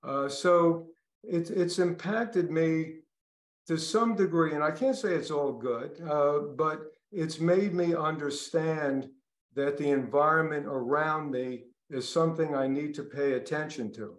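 An older man with a Brooklyn accent, a podcast guest speaking reflectively with pauses and restarts. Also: on the high side, reverberant. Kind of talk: podcast interview.

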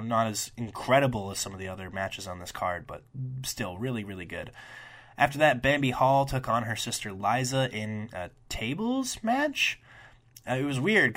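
A young man hosting a solo wrestling review podcast, talking casually with rambling asides and profane, excitable rants. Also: medium pitch.

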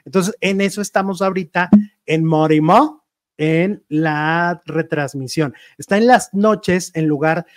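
A man with a slightly higher voice hosts a casual entertainment chat. He gossips with animation and acts out quotes playfully. The sound is dry and close. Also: a little slow, no room sound. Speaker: show host.

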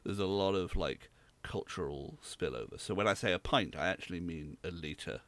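A man's voice: low voice, normal speed, fairly bright tone, dry recording. A young man from rural England, co-hosting a podcast in casual, rambling chat. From Southwest England. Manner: rambling, hesitant, explains at length. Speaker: podcast co-host.

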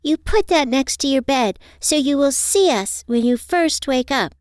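A woman's voice: high voice, lively intonation, unhurried, no echo, studio quality, voice pushed up. A woman voicing a sweet, eager, affectionate young girl in an audio story. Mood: earnest.

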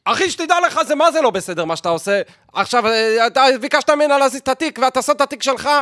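A man acting out an irate bus passenger who scolds in a shrill, climbing voice. He shouts in a threatening way, pitched far above the performer's usual talk. The sound is close and dry. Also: lively intonation, no room sound. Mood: scolding.

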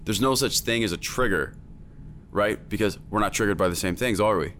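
A music producer and teacher talks emphatically in a casual chat, filling his speech with lots of fillers. His voice is fairly low and a bit bright, his pace brisk, and there's a little hiss or hum.

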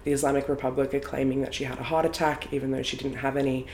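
A young Australian woman with a low voice co-hosts a podcast in a relaxed, chatty way. She laughs easily. The recording has an echoey room and faint background noise. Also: very fast. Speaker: podcast co-host. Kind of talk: casual chat. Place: home room, not a studio.

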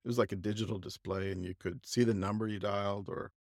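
A man co-hosting a podcast, telling a casual, halting anecdote full of restarts and asides. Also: fairly low pitch, steady tone, a little mellow, dry recording, studio quality. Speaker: podcast co-host. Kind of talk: casual storytelling chat.

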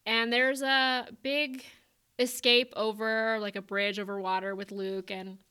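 A woman's voice: a little high, level tone, unhurried, pushed and bright, smooth. A young woman co-hosting a podcast, chattily retelling a book's plot with lots of fillers. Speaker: podcast co-host. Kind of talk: casual book chat.

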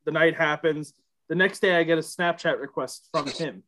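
Young male co-host, animated storyteller with a loose, profane tone. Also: on the high side, moderate pace. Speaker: podcast co-host. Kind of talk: casual storytelling chat.

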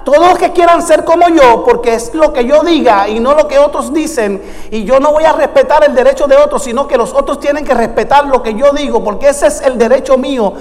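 A man preaching a sermon, playful at times and building to fervent, repetitive calls. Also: extremely high pitch. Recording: long hall reverb.

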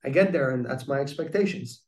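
A man's voice: mid-range voice, brisk, darkish tone, distant mic. Earnest man telling his story, roomy echo. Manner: earnest, reflective, many ums and restarts. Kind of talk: storytelling in a conversation.

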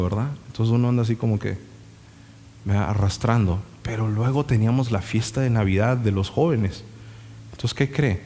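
A man's voice: on the low side, darkish tone. A male pastor preaching a sermon, moving between impassioned emphatic lines and folksy storytelling asides. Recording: reverberant hall with faint music.

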